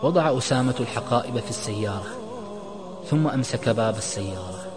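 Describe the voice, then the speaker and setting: A male narrator reads a scripted moral story in a measured, dramatic way. His mid-range voice is bathed in long reverb. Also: medium pitch, expressive, over music.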